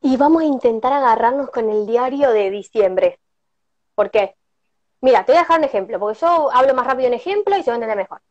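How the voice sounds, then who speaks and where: Her pitch fairly high and her pace quick, a middle-aged woman speaks expressively in an Argentine Rioplatense accent, giving a heartfelt motivational talk as a guest at a prosperity workshop. She tells personal anecdotes and uses tag questions throughout the live stream, whose dry audio is dull and lo-fi.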